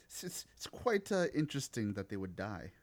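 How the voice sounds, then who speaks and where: A man's voice: on the low side, sing-song, normal speed. A man, co-hosting a podcast in casual chat, teasing, laughing and swearing freely. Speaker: podcast co-host.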